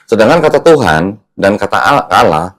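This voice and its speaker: This man leads a religious discussion as its host, walking through ideas one step at a time and asking leading questions to make sure his listener follows. He speaks at normal speed in a lowish, slightly bright voice, and he's very animated.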